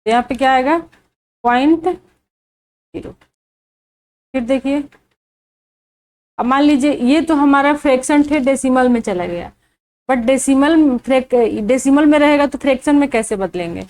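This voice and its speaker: A woman teaching a maths lesson, walking through each step slowly and answering her own questions. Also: high-pitched, darkish tone, low-quality recording. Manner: asks the viewer questions and answers them herself, slow and deliberate.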